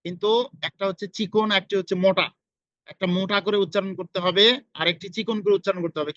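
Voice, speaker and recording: A man with a Bangladeshi Bengali accent teaching Quran pronunciation, saying each letter over and over, slow and patient. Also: sits high, a bit bright, no room sound, dull audio. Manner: slow, repeats each sound several times. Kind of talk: pronunciation lesson.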